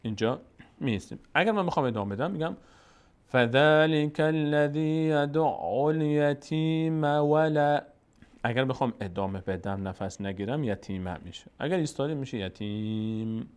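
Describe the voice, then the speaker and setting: A man with an Afghan Dari accent teaching how to read Quranic letters, patiently repeating syllables slowly and drawing them out. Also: fairly low pitch, animated. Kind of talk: slow step-by-step recitation lesson.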